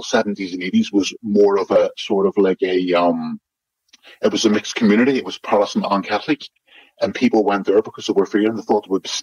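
A man's voice: darkish tone, slightly rough, no echo. A man from West in his fifties, speaking as a remote interview guest through a voice-altering disguise, rambling and padding with "like, you know". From Northern Ireland, West Belfast. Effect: voice altered to disguise identity, deep and muffled. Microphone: remote secure connection. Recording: lo-fi disguised call audio.

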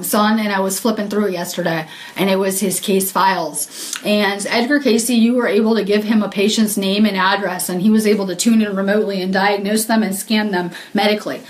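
A woman's voice: mid-range voice, fairly even intonation, fairly quick, reverberant. A woman healer talking casually to viewers on a live video, earnest and rambling with many ums and frequent laughs.

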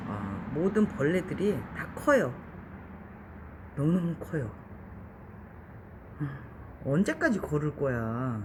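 A woman's voice: deep voice, a little mellow, a little hiss or hum. Exasperated woman coaxing a bug along. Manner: exasperated, coaxing, talking to an insect. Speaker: vlogger. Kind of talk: casual vlog talk to a beetle.

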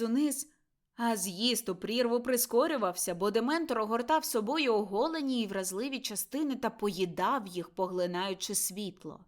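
A woman narrating a dramatic audiobook, expressive and slowing for tense moments. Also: mid-range voice.

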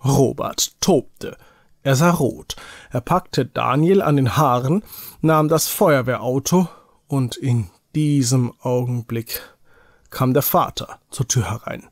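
Slow-reading German storyteller man. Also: mid-range voice, no echo, studio quality. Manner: slow, careful reading for small children. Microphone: home recording.

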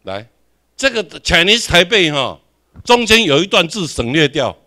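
A man's voice: a little high, sing-song, moderate pace, bright, forceful tone. A man with a Taiwanese accent giving a classroom lecture, questioning the audience and repeating his points.

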